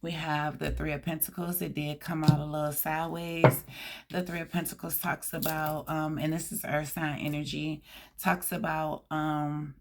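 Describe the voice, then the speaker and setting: A woman with a hoarse, scratchy voice giving a tarot card reading, reading out card meanings and chatting casually to her viewers. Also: sits low, little pitch movement, moderate pace. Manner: reads card meanings aloud with chatty asides. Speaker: tarot reader.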